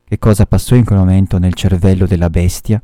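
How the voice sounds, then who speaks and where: A man, a teacher, reading a novel aloud to his students at a measured pace, pausing to explain the story. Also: low-pitched, steady tone, warm tone, no room sound, studio quality.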